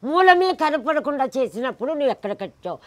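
A woman's voice: high voice, big pitch swings, brisk, no room sound. Emphatic woman telling an indignant story. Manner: emphatic, indignant, with rhetorical questions; acts out the people in her stories. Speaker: interviewee. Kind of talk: animated personal storytelling.

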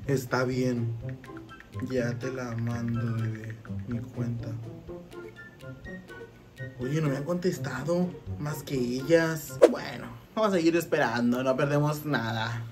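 A man with a Mexican accent in a casual vlog, reading chat messages aloud in a playful, giggly, teasing way. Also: medium pitch. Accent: Mexican Spanish. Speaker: vlogger. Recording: background music under the voice.

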